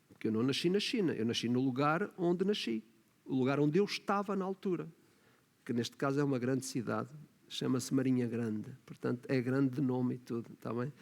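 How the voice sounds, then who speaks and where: In a church hall full of long reverb, a man with a European Portuguese accent preaches as pastor, tagging questions onto his lines and rising to emphatic points. His medium-pitched voice has a darkish tone and some vocal fry.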